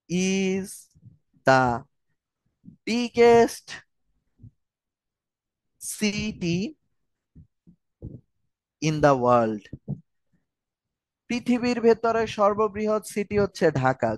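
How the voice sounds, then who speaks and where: A man's voice: high voice, no echo, poor audio. A man giving an online grammar lecture, explaining step by step and answering viewer questions. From Bangladesh. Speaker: grammar tutor.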